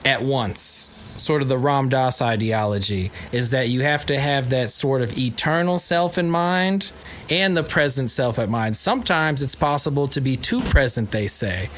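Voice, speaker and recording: A man's voice: medium pitch, moderate pace, fairly bright tone. A man hosting a casual philosophy podcast, musing aloud, searching for words and joking between points. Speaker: podcast host.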